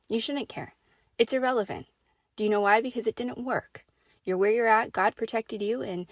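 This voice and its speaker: A woman delivers a casual faith talk in a conversational, emphatic way, tagging her points with quick check-ins. Her voice sits at a middle pitch. The sound is close and dry, with no room echo. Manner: conversational, emphatic, frequent "right?" and "okay?" tags. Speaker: faith speaker. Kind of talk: casual preaching monologue.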